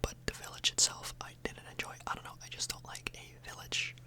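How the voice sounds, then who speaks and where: She hosts an ASMR video, talking a little fast in a voiceless, breathy whisper near the microphone. The chatter is casual and meandering, with some hesitancy.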